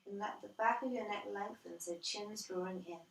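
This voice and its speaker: A woman guiding a yoga class as instructor, calm and measured, step by step. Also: medium pitch, vocal fry, a little hiss or hum. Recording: roomy echo, distant from the mic.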